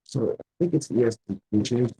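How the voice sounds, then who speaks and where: A man's voice: medium pitch, animated, moderate pace, dark tone, husky, poor audio. A man on a choppy, glitching video call, talking from his phone outdoors in a rambling way, full of fillers and restarts. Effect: choppy, glitching video-call connection. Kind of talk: casual video-call chat. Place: outdoors in the sun.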